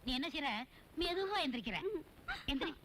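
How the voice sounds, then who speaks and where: A shrill, scheming houseguest. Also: female voice, lively intonation, normal speed, heavy background noise. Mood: bossy. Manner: dramatic lamenting, then coaxing and bossy. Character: scheming woman guest, wheedling and bossy. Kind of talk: comic film dialogue.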